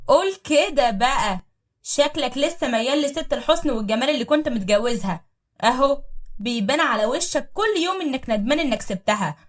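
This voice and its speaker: This is a woman voicing a jealous, spoiled young wife in an audio drama, loud, scornful and nagging. Her Egyptian Arabic comes out high, fast and husky-edged. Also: expressive.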